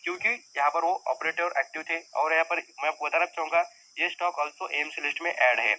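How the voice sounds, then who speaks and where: A man's voice: fairly high pitch, fairly quick, sharp tone, poor audio. A man teaching viewers about stock market risk in a conversational, repetitive lesson style. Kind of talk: explanatory screen-share lesson.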